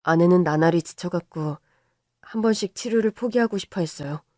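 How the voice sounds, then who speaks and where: An older man calmly narrating his own family story in a scripted, reflective way. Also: sits high, brisk, dry recording, clean studio sound. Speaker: narrator, father.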